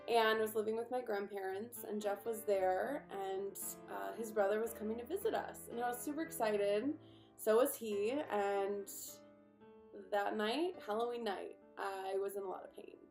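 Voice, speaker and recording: A young woman vlogger telling a personal story to the camera in a chatty, animated way. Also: medium pitch, normal speed, roomy sound, soft background music. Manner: chatty and animated, with frequent fillers and asides.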